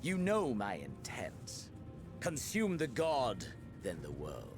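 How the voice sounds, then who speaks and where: An actor playing a brooding, bloodthirsty male game villain with slow, theatrical menace. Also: medium pitch, huge pitch swings, exaggerated voice. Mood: cold menace. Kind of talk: dramatic video game voice acting. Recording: music under the voice.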